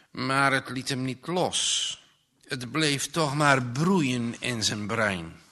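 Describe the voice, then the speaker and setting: A man narrates a story at an unhurried, measured pace. His voice is very bright and his reading even. It suits an audiobook. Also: medium pitch.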